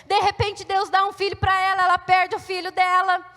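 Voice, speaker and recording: A Brazilian woman pastor preaching a sermon with impassioned, repetitive phrasing that builds to shouting. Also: extremely high pitch, monotone, moderate pace. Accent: Brazilian Portuguese. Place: church sanctuary. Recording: long church reverb.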